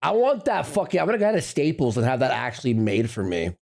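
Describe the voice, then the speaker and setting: A male streamer chatting as he goes, his voice gravelly and rough at the edges. His pitch leaps high and then drops low again and again. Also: big pitch swings, quick pace, a little mellow. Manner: rambling, with restarts. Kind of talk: casual stream chat.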